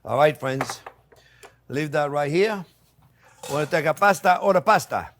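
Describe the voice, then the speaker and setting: A man's voice: fairly high pitch, expressive, unhurried, a bit bright, a little hiss or hum. A man hosting a cooking demonstration, talking casually and playfully to viewers as friends, with exuberant, repeated catchphrases. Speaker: chef hosting a cooking channel.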